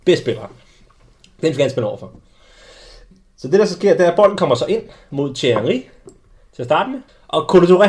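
A young adult man hosting a casual sports podcast, telling lively anecdotes with many restarts. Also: high voice. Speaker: podcast host. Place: small studio.

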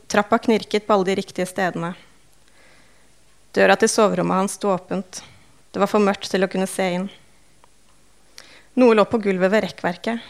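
Woman, audiobook narration, first-person, calm, measured, understated delivery. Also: medium pitch, creaky.

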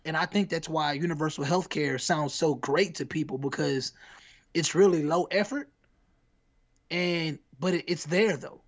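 A man's voice: on the high side, measured pace, muffled recording. An American man co-hosting a podcast, chatting casually in a rambling, slangy way with lots of restarts. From United States. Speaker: podcast co-host. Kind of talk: casual chat.

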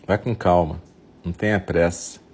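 A man with a Brazilian accent leads a guided compassion meditation in a soft, soothing, gentle way, leaving long pauses, with a breathy, husky voice. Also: deep voice, fairly even intonation. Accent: Brazilian Portuguese.

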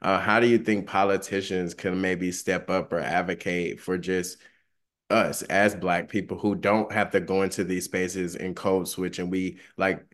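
A man with a fairly low voice acts as interviewer in a casual discussion. His phrasing is chatty and loose, meandering as he works toward a question. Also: flat delivery, a little slow, a bit bright. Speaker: panel interviewer.

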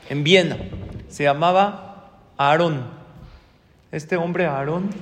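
Rabbi preaching in a reverberant hall. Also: male voice, on the high side. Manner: lively storyteller, acts out voices. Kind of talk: sermon with storytelling.

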